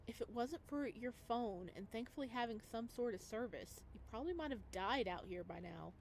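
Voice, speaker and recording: A woman let's player reads visual novel narration aloud with expression, breaking into chatty casual asides over background music. Her pitch is fairly high, her pace normal, with some vocal fry and slight background noise.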